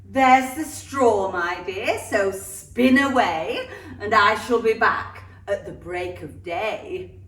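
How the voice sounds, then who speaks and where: A woman's voice: mid-range voice, slow, fairly bright tone. A woman playing a pompous, imperious pantomime king, speaking rhyming lines with theatrical menace. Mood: smug. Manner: theatrical, pompous, swooping delivery. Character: boastful, imperious king, gleefully threatening, in a pantomime. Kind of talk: rhyming amateur pantomime acting. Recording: echoey room, distant microphone.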